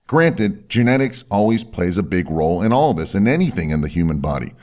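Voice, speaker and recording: Deep, firm-voiced man giving advice. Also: sing-song, a little fast, a little mellow. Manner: emphatic, stretches key words, often tags sentences with "right". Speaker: presenter giving voice and health advice. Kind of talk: instructional talk to camera or listener, salesy explainer.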